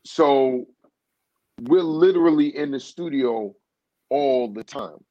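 A man interviewed as a guest singer tells a long, casual story, restarting often and repeating "you know what I'm saying." He speaks slowly at medium pitch, and the recording is dry, dull and muffled.

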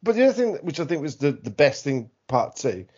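This British podcast co-host sounds tipsy as he banters casually about films, rambling, swearing, and mockingly imitating film characters. His voice sits on the high side, a little fast and very animated, mellow yet husky, on a muffled recording.

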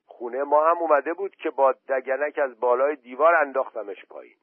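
A man reading a gruff villager. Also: mid-range voice, no echo, pitched above the performer's own voice, natural voice. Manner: gruff, coughing. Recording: dry, tinny phone-quality audio.

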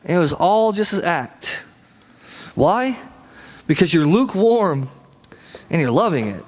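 A man preaching a sermon as pastor, animated and acting out mock voices of churchgoers, often repeating words as he starts a sentence. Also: high-pitched, measured pace.

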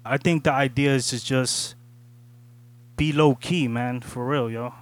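A man's voice: mid-range voice, fairly even intonation, unhurried. A man co-hosting a casual podcast chat, talking in a reflective way and often asking "you know what I'm saying". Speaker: podcast co-host.

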